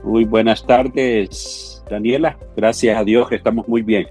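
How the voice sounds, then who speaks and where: A pastor in his fifties from El Salvador, who coordinates theological education, gives an earnest conversational interview peppered with check-in fillers like "¿sí?" and "ujú". He speaks unhurriedly in a steady, somewhat low and slightly mellow voice, with faint music in the background.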